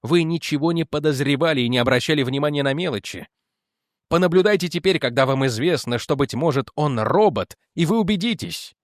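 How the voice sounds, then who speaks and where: A man's voice: lively intonation, a little fast, dry recording, studio quality, close to an everyday voice. A man reading aloud as a firm, persistent male investigator who presses his argument. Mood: pressing. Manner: firm, pressing, lowered in pitch.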